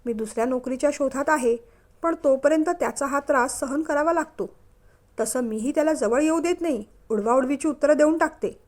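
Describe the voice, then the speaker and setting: A woman's voice: high voice, brisk, darkish tone, close to an everyday voice. A woman voicing a young mother who teases and lightly scolds her husband in a storybook reading. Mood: tearful. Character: warm teasing young mother, firm at heart.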